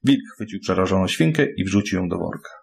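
A man reading a fairy tale aloud, expressive and adding sound effects. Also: sits low, fast talker, vocal fry. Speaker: storyteller.

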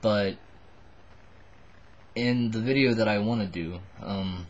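Sitting in a cramped wood-panelled bedroom, a buzzed vlogger in his twenties rambles haltingly to his subscribers in a loose, confessional way. His voice sits on the low side, and the lo-fi webcam sound is dull.

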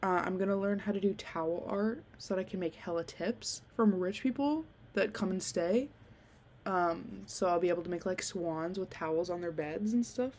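This podcast host, a young adult woman, rambles casually with ums and likes into a handheld desk mic held close, sitting in a dim bedroom and sounding slightly nasal because she's sick. Her voice is on the low side, a little mellow, and moderately paced, with slight background noise.

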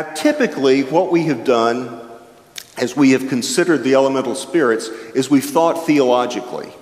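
In a big chapel before an audience, an older man with a medium-pitched voice preaches reflectively at a lectern, gesturing broadly as his pace shifts. His stand microphone captures a distant, echo-filled sound.

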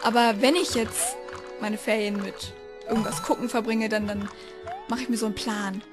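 High-voiced chatty young let's player. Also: female voice, fairly even intonation, moderate pace. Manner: chatty, rambling, with sudden frustrated outbursts. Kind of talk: casual gameplay commentary. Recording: game music playing behind the voice.

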